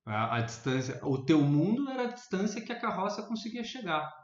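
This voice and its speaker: A man with a Brazilian accent making his points in a casual debate, thinking aloud with restarts and sudden animated rises in pitch. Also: fairly quick. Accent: Brazilian Portuguese. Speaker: debate panelist. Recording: echoey room, dull lo-fi sound.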